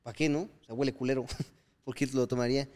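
A man with a Mexican accent chats loosely on a podcast, spinning anecdotes. His voice sits in an ordinary middle pitch. He drops into playful voices for the people he quotes. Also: brisk. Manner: lively storyteller acting out quoted lines with slang. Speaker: podcast co-host. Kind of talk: casual podcast chat.

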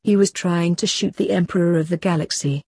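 Woman voicing a stern assassin dad, terse, lecturing, husky, lowish. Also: brisk, a little mellow, dry recording, studio quality. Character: stern father and secret assassin.

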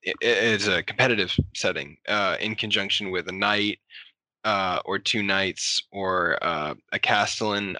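A man's voice: low voice, sharp tone, no room sound. A man hosting a casual podcast chat, enthusiastic and rambling with fillers. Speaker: podcast host.

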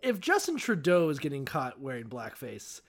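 Soft, effeminate male voice with creaky edge. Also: mid-range voice, huge pitch swings, moderate pace. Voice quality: soft, feminine, pseudo-effeminate voice. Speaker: podcast co-host. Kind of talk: casual comedic chat.

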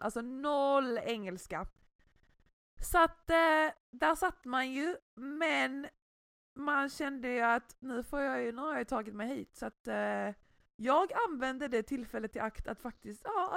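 A young woman chatting casually, telling a story with lively acted-out quotes. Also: high voice, gravelly, no room sound, clean studio sound. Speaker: podcast co-host. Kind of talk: casual chat.

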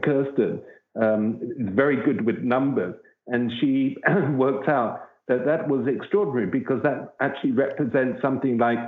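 A man, a wildlife researcher, telling an earnest, rambling story as an interview guest. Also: mid-range voice. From southern Africa. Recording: tinny phone-like line with echo.

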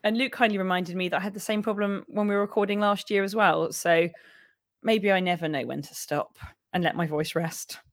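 A young woman co-hosting a podcast, with a croaky, husky voice, chatting and laughing as she rambles. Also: medium pitch, fairly even intonation, brisk, no room sound, studio quality. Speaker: podcast co-host. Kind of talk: casual podcast chat.

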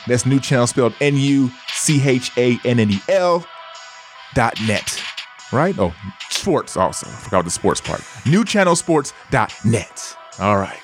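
Energetic male sports podcast host over music. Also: medium pitch, measured pace. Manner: energetic, emphatic. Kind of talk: casual sports talk show hosting.

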